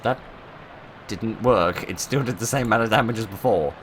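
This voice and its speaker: A man's voice: on the low side, normal speed, a bit bright, slight background noise. A man giving playful, wry commentary while playing a video game. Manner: playful, wry asides, reads game text aloud. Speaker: gaming YouTuber. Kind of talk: let's play commentary. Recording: game music playing underneath.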